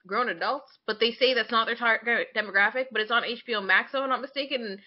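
A young adult woman co-hosts a podcast, talking fast in a voice on the high side. Her casual, conversational style is candid and opinionated, and she often slips into imagined quotes. The audio is dull.

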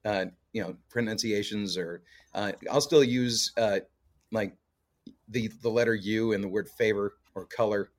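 Here the same kind of guest, a musician who grew up in Canada, talks in a fairly low, fairly even voice without hurrying. The interview is relaxed and chatty, full of laughter, fillers, and false starts.

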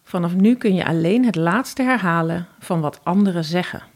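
A woman's voice: fairly low pitch, moderate pace. Woman voicing a mighty stern goddess.

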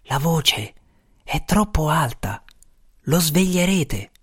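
A man voicing a male villager who speaks in a hushed whisper. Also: mid-range voice, big pitch swings, a little slow.

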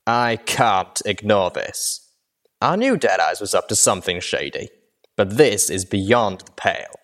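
A gruff griffin mercenary woman, as a male reader voices her, blunt and businesslike in a low register. A storybook soldier who keeps her word. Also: very animated, unhurried, a bit bright, full character voice. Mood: firm.

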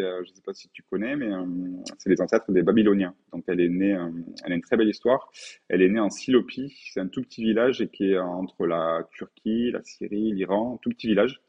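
His fairly low, somewhat mellow voice carries a breathy edge, heard through dull audio. The French painter, in his forties, chats casually as a guest, thinking aloud hesitantly with many fillers and false starts.

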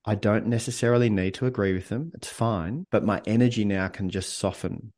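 A man coaching on leadership as a podcast guest, speaking in a calm, reflective, earnest way. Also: fairly low pitch, brisk. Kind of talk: casual podcast interview.

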